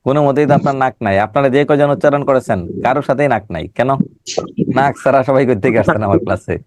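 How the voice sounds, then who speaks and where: Middle-aged man, teacher with a cold, mid pitch, dry close sound, teasing students on a video call. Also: fast talker, a little mellow, dry recording. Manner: joking, scolding students by name. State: has a cold. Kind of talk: online class lecture with teasing banter.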